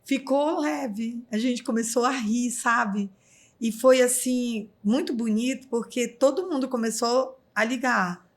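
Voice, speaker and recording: A woman's voice: a little high, measured pace. A middle-aged woman from Brazil, a podcast guest, earnestly telling a personal story with many fillers.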